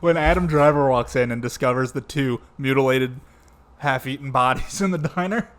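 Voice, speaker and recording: A man co-hosting a podcast, chatting casually about a movie, agreeable and quick to laugh. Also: mid-range voice. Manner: laughs often, agreeable, backchannels a lot. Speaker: podcast co-host reviewing a movie. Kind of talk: casual chat.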